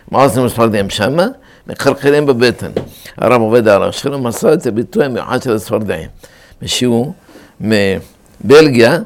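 A man teaching a Torah lesson to a class, explaining grammar and repeating key words for stress. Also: on the low side.

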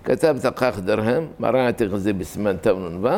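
A man giving a sermon, telling a miracle story and explaining a religious law in a plain-spoken way, with sudden high rises for emphasis. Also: a little mellow. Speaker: religious teacher. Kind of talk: sermon storytelling and halakhic lecture.

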